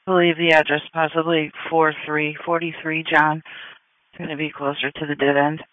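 A man's voice: a little high, flat delivery, moderate pace, no room sound. A man working as an emergency dispatcher, giving clipped, procedural acknowledgements over a dull radio channel.

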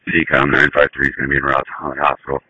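A man's voice: a bass voice, completely flat delivery, racing, pushed and bright, dry recording, lo-fi sound. A man calling dispatch over two-way radio as an emergency responder, in brief radio traffic. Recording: dry two-way radio audio.

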